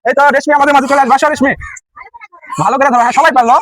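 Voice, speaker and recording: An adult host running a children's game, coaxing and cheering the kids on with quick repeated encouragement. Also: sits high, fairly even intonation, fairly bright tone, no room sound. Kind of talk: running a live kids' game. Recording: noisy crowd of children around.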